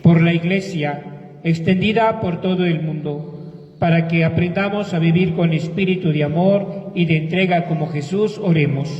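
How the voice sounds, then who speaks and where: A man's voice: on the high side, normal speed, darkish tone, slight background noise. A man reading out prayer petitions at a church service, in a formal liturgical style. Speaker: reader of the prayers of the faithful. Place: large reverberant church. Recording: muffled, echoey church, distant microphone.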